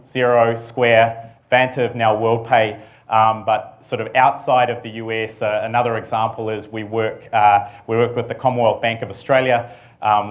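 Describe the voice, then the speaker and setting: Speaking in a voice on the low side, a middle-aged man with a New Zealand accent delivers a laid-back conference presentation as a company CEO. He uses dry humor and says um often.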